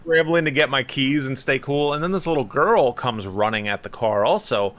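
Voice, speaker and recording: A man's voice: medium pitch, moderate pace, a bit bright. A man in his thirties, a podcast co-host telling stories in casual chat and acting out other people's voices.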